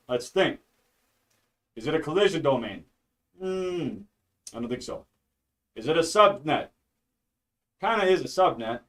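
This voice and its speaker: A man with a slightly higher voice runs a casual study stream, explaining networking in a loose, talkative way. He keeps checking in with listeners and throws in little jokes. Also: fairly bright tone. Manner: rambling and talkative, says "all right?" and "okay?" constantly; jokey, mutters to himself. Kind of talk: casual live-stream teaching.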